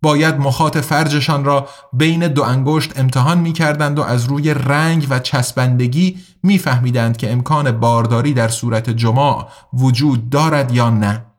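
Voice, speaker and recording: A man narrating an audiobook in a measured, even reading voice. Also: mid-range voice.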